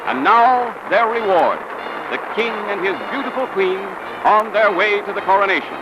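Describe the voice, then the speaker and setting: A man's voice: sits high, expressive, moderate pace, muffled recording, noisy background. A man narrating an old newsreel in a grand, declamatory manner. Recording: old newsreel soundtrack with loud music.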